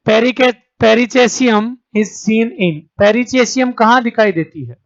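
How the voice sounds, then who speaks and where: A very high-pitched male teacher runs an exam-prep lecture, posing questions to the class and then answering them. He addresses students as "beta" and confirms they follow with "theek hai." The sound is lo-fi.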